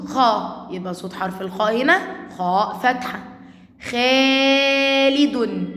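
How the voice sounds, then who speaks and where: A woman with an Egyptian Arabic accent giving a recorded lesson to young schoolchildren, stretching out each word slowly so they can repeat it. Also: mid-range voice, echoey room, in a large hall. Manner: slow, drawn-out words for children to repeat. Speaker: primary school teacher.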